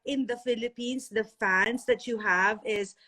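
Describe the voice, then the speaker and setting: A woman's voice: fairly high pitch, unhurried, bright, forceful tone. A woman hosting a casual live-stream interview over a video call, gushing and effusive, often stumbling over her words. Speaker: interviewer, skincare sponsor. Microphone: phone or laptop video call.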